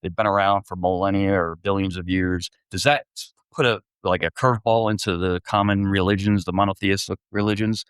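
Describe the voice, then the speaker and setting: A man co-hosting a podcast who asks curious questions, agrees quickly, and chuckles often in casual chat. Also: low voice, steady tone, clean tone, dry recording. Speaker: podcast co-host.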